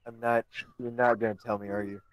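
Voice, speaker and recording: A man's voice: medium pitch, flat delivery, fast talker. A man playing a game with friends on a stream, chatting casually. He sounds confused and exasperated. His voice is dry and close, with no room echo.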